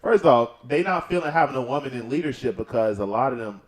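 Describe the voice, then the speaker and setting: A man's voice: medium pitch, expressive, fast. A man co-hosting a casual reaction show, talking in a blunt, profane, mocking way with stammered restarts. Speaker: co-host.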